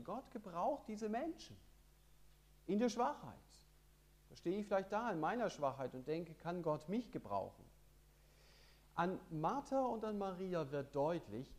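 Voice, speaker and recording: Male preacher, fairly high voice, very animated delivery, emphatic sermon style. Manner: lively, emphatic preaching, reading scripture aloud.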